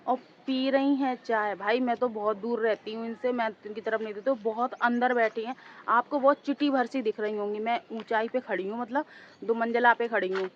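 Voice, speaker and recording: A woman vlogger with a hoarse, sore throat, chatting casually and rambling to her viewers as she records outdoors on a two-storey house with a handheld phone. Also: on the high side, steady tone, a little fast, lo-fi sound, slight background noise. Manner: rambling, talks straight to viewers as "guys".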